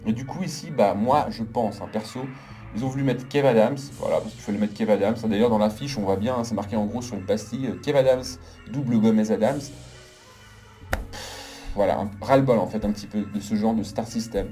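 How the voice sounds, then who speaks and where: A man's voice: on the low side, brisk, warm tone, faint music behind. A man giving a casual, opinionated film review in an emphatic way, piling on intensifiers. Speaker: film critic.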